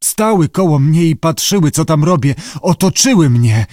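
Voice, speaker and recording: A man voicing a terrified young pearl diver who shouts hoarsely, out of breath, in an audiobook reading. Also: lively intonation, normal speed, no echo, clean studio sound, lightly acted. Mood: frightened. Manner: shrill, panicked shouting. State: hoarse, panting.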